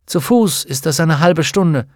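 A man's voice: on the high side, animated, unhurried, a little mellow, no room sound, studio quality, pitched above the performer's own voice. Man voicing a cool commanding witch. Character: calm ageless witch woman, cool and commanding.

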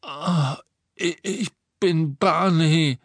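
A man's voice: high-pitched, extremely slow, a bit bright, dry recording, pitched above the performer's own voice, exaggerated voice. A man voicing a captured teenage boy who gasps out his answers in a strained, frightened voice. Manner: strained, gasping out false names. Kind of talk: audiobook character voice.

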